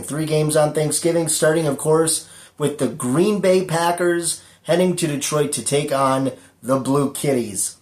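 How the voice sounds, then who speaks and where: A man with a fairly high voice hosts his own football prediction show, recorded in an echoey room. He talks casually, full of fillers, with a dry, sarcastic streak running through his solo sports chat.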